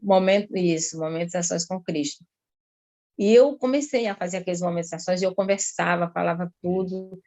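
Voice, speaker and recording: A talkative woman from São Luís, Brazil, giving an earnest personal testimony to a pastor at a slow, lingering pace. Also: lowish voice, dark tone.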